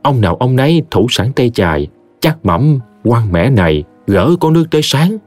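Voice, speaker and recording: A man tells a horror story, his pitch rising and falling vividly. The voice is close and dry, with faint music underneath. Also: normal speed, no echo. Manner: expressive, vivid. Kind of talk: scripted horror story narration.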